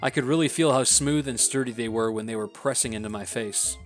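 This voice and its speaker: A man's voice: medium pitch, a little fast. A man hosting a let's play, reading a dating game aloud with wry, self-deprecating asides. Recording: faint background game music.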